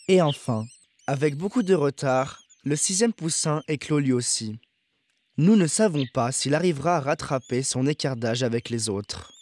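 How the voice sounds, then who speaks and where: A man narrating a nature documentary from a script, in a measured, factual, observational manner. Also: mid-range voice, animated, a little mellow, no echo.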